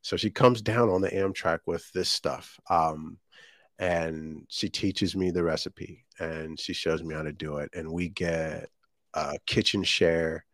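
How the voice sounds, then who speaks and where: Deep-voiced man telling his story, unhurried. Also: a bit bright, no echo, studio quality. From Jamaica. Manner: rambling, many ums and restarts. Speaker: guest, shortbread business owner. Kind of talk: casual storytelling interview.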